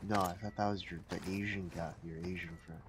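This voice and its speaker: Low-voiced man joking in voice chat. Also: fairly even intonation, fast. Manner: joking, relays chat messages. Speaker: friend in voice chat. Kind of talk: casual banter. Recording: music playing behind.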